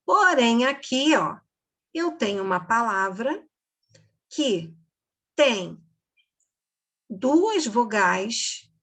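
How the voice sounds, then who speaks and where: A woman teacher giving a slow, patient recorded reading lesson for children, repeating words and checking in with "ok?". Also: fairly high pitch, sing-song, fairly bright tone.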